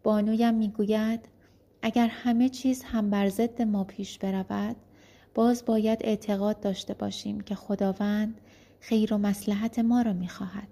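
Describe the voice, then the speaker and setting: A woman's voice: medium pitch, little pitch movement, gravelly, mellow. A woman voicing a frightened young wife who anxiously pleads with her husband. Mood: pleading.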